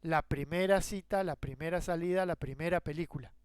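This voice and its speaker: A man's voice: on the high side, brisk, smooth, no room sound. A man with a Rioplatense Spanish accent giving a grammar lesson, explaining with rhetorical questions and worked examples. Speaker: teacher. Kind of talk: grammar lecture.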